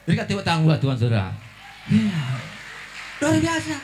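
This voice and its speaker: A pastor preaching a sermon, telling a story, acting out its scenes and calling out to the congregation again and again. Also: male voice, sits high, huge pitch swings, a little fast, background noise.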